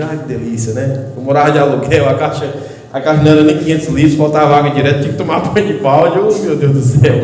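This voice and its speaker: A man's voice: on the high side, darkish tone. A Brazilian Portuguese-accented man preaching an informal evening sermon, folksy and chatty, telling everyday stories and addressing the listeners as brothers. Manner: chatty, folksy storytelling with frequent "né" and "irmãos". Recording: echoey hall with faint hum.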